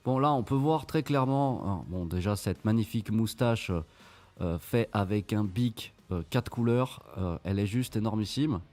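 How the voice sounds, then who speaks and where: A man's voice: on the low side, moderate pace, a little mellow, soft background music. Sarcastic French-speaking man mocking on screen. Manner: mocking, sarcastic, swears casually. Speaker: channel host reviewing an investment scheme. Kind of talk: screen-share commentary.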